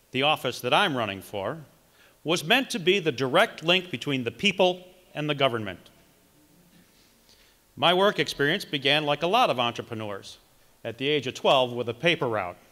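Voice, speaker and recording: Middle-aged male candidate, bright and forceful, reading his speech at a podium in a reverberant hall. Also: a little high. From Wisconsin. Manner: reads from notes, emphatic measured delivery. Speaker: political candidate. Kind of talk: read campaign speech. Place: large conference hall, indoors. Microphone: podium microphone.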